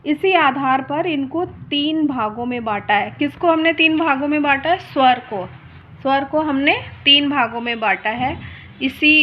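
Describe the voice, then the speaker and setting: Lady teacher with a high voice going slow over grammar, stretches out sounds, faint hiss behind. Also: sharp tone. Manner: repeats key words and stretches sounds to demonstrate them. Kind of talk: slow explanatory lesson.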